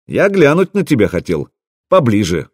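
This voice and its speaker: A man's voice: mid-range voice, wildly swooping pitch, normal speed, husky, no room sound, clean studio sound. Man voicing a blustering angry boyar. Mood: cold. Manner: commanding, blustering. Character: gruff proud middle-aged male boyar commander, quick-tempered. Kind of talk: audiobook character reading.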